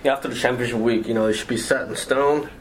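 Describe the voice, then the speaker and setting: A man's voice: mid-range voice, steady tone, quick pace, a little hiss or hum, rough recording. Joking male podcast co-host. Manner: joking, offhand banter. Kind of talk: casual sports podcast chat.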